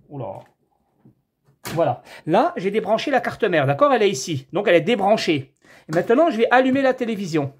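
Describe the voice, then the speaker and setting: A husky-voiced man walks viewers through a TV repair in a relaxed, chatty way, talking to them like friends. He thinks aloud as he measures and tests. It is an informal hands-on tutorial from his workshop. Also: high voice. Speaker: TV repair technician.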